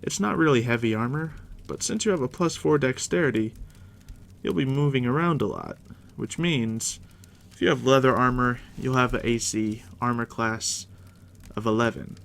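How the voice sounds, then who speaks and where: A man with vocal fry murmurs in a low, gentle ASMR whisper as a game master guiding a new player. He speaks unhurriedly and soothingly, close to the listener and addressed straight to them.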